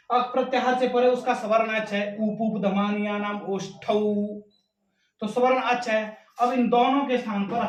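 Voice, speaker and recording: A man with a high voice explains grammar step by step. He poses questions and answers them, and slows down to recite rules syllable by syllable. He sits some way off the mic in an echoey room. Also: far from the mic. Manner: asks and answers his own questions. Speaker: Sanskrit grammar teacher.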